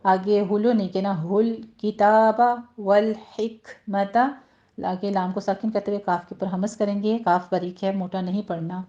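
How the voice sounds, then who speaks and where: Patient woman teaching recitation, mellow tone. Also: mid-range voice, flat delivery. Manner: patient, instructive, slows right down to model each word. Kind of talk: tajweed lesson with slow recitation. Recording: slightly dull lo-fi sound.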